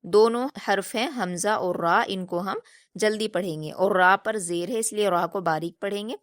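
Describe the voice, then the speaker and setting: A woman's voice: medium pitch, no echo. Patient woman teaching recitation, dry sound. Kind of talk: online recitation lesson.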